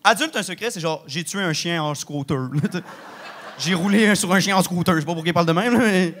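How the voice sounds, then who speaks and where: A young stand-up comedian with a broad Québécois French accent performs on a large theatre stage before a live audience, his voice high for a man. He's brisk, loose, slangy and animated, peppering the set with Quebec swears. There's a little hiss or hum.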